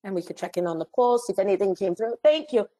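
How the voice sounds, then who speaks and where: A woman, a little hoarse from a recent cold, wraps up an online training session over a computer mic. She talks in a friendly, chatty way, slipping in small apologies. Her pitch sits in the ordinary middle range. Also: animated, fast talker, mellow, low-quality recording. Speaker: webinar trainer. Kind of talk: online training webinar wrap-up.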